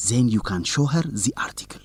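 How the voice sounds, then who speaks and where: In an educational radio drama, an actor plays a young male student reporter who is determined and teasing, speaking in plain, simple sentences. His voice is mid-range and slightly rough.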